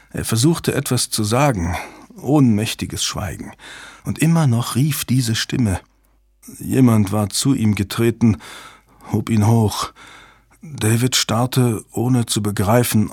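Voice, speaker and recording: A man's voice: fairly low pitch, darkish tone, husky, dry recording, studio quality. Man narrating a thriller audiobook. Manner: measured, dramatic reading. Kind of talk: scripted narration.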